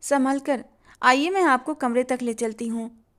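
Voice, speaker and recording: A woman reading the lines of a gentle, timid young wife in a storybook narration, soft and trembling. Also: high-pitched, measured pace.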